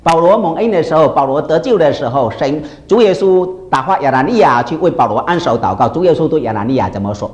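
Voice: medium pitch, lively intonation, fast talker, few pauses, darkish tone. A preacher giving an emphatic sermon who keeps asking the congregation rhetorical questions.

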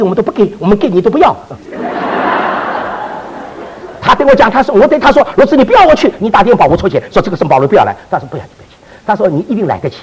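A man preaches a testimony with a high, husky voice. He tells his story at a quick pace, with a lively, swooping delivery and frequent restarts and fillers. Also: poor audio. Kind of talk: testimony sermon.

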